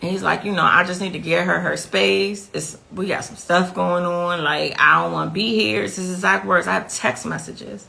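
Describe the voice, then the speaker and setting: A middle-aged woman with a heavily gravelly voice that still sounds bright and forceful. She talks as a grieving mother in an interview, intense and repeating her key phrases to drive them home. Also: on the low side, steady tone, normal speed, hardly any pauses. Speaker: mother of the victim. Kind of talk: emotional interview testimony.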